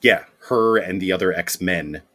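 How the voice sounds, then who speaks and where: A man's voice: low voice, measured pace, fairly bright tone. A man co-hosting a podcast in casual chat, joking and laughing often. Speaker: podcast co-host. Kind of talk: casual comic-book chat.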